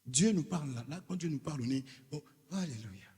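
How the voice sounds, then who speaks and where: An emphatic preacher with a Congolese accent, asking his congregation questions as he preaches. His voice is fairly high, husky and gravelly. It rings with the long reverb of a church hall. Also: lively intonation, fairly quick, warm tone. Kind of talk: sermon.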